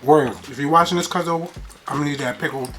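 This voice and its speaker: Low-voiced woman chatting while eating. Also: fast talker, a bit bright, faint music behind. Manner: playful, repeats phrases, informal slangy speech. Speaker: mukbang host. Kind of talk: casual eating-show chat to viewers.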